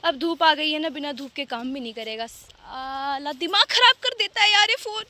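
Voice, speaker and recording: A woman's voice: high-pitched, lively intonation, normal speed, pushed and bright. A young woman vlogging while walking a mountain trail, chatty and self-mocking, tired from the climb, talking into a handheld phone. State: tired from hiking. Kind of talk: casual hiking vlog. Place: mountain trail outdoors by a river. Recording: faint background noise of a river.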